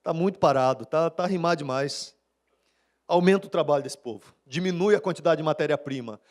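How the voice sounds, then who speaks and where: A man's voice: fairly high pitch, brisk, a little mellow, natural voice. A man with a Brazilian accent voicing a scornful male pharaoh who gives brusque orders, in a sermon retelling. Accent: Brazilian Portuguese. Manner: brusque and dismissive.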